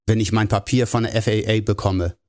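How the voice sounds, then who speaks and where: A man's voice: fairly low pitch, steady tone, brisk, darkish tone, close to an everyday voice. A man voicing a tipsy, stubborn male pilot who talks earnestly and a little sulkily. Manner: sulky, earnest.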